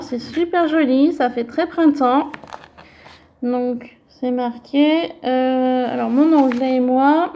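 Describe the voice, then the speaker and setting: A high, mellow-toned woman speaking slowly and gently. She chats casually through a show-and-tell of crafting mail and keeps filling her talk with small connecting words. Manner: chatty, gentle, fills with "donc" and "voilà". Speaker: crafting vlogger.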